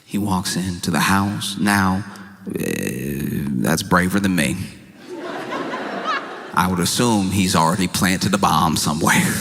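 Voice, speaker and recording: A man performing a stand-up comedy monologue, animated and incredulous, with jokey asides. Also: sits low, takes it slowly, gravelly, in a large hall, background noise.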